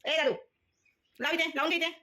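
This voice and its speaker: A woman baby-talks to a toddler in a coaxing, sing-song way, repeating each phrase over and over. Her voice sits very high and has a bright, ringing edge. She sounds like a vlogging mother at home. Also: fairly even intonation, fairly quick.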